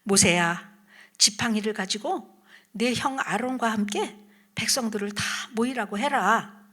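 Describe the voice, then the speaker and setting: God gives steady, kind instructions, spoken by a woman telling a Bible story. The voice stays close to a bright everyday tone. It is unhurried and gentle. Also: fairly high pitch. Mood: instructing. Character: God speaking calmly to a leader.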